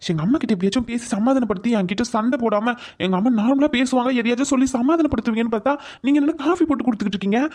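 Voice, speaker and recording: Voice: medium pitch, very fast, few pauses, a little mellow, close to an everyday voice. A performer voicing a sarcastic young man in a cartoon who teases and threatens his friend. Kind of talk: cartoon voice acting.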